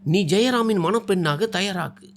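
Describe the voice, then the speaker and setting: A man's voice: high-pitched, normal speed, slight background noise. A man voicing a charming, possessive young groom. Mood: tender. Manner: teasing, coaxing, turns cold and threatening.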